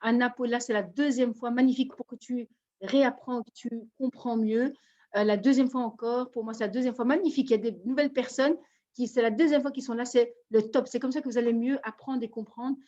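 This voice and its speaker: Presenter: effusive woman from belgium, slightly high voice, dull lo-fi call audio. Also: fairly even intonation, fairly quick, dark tone. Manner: effusive, greets attendees by name. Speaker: network marketing presenter. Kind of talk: live online presentation.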